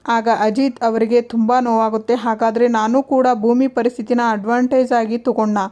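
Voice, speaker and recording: High-voiced woman recapping a serial. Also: flat delivery, moderate pace, mellow. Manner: narrates plainly and reads every character's lines in her own voice. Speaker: narrator retelling a TV serial episode. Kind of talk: storytelling recap, reading out all the dialogue.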